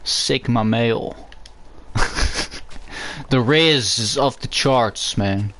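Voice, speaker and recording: A male game streamer talks in an easy, rambling way while he builds, thinking out loud and dropping swear words freely. His voice sits at an ordinary middle pitch, and the delivery is loose and off the cuff. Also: drawn-out words, slight background noise. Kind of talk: casual livestream gameplay chat.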